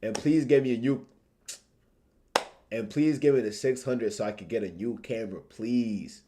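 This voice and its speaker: In a very noisy recording, a young Tanzanian man talks at normal speed in a mid-range voice. He's a streamer and video creator chatting casually on a livestream in slang, repeating phrases for emphasis.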